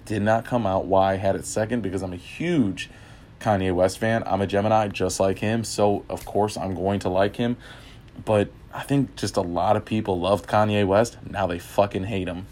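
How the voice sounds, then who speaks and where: A man's voice: fairly low pitch, fairly even intonation, normal speed, a little mellow, a little hiss or hum. A man hosting a casual music podcast, rambling with many fillers, and he has the hiccups. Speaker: podcast host. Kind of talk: casual music review chat.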